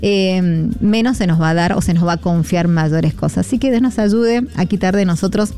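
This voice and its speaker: Warm-voiced Argentine woman radio host. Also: lowish voice, normal speed. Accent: Argentine Spanish. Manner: rambling, hesitant, many fillers, encouraging. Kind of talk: devotional talk on air.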